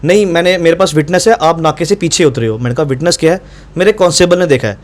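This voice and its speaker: A man telling a reporter about his run-in with police, insistent and acting out both sides of the exchange. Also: on the high side. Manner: fast, insistent, reenacts dialogue. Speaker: doctor recounting incident to reporter. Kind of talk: animated first-person account.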